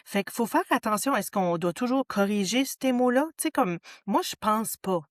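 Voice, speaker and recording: A woman's voice: medium pitch, expressive, normal speed, no room sound, clean studio sound. Woman. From New Brunswick. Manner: hesitant, many fillers and "tu sais". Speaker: podcast co-host. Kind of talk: casual conversation.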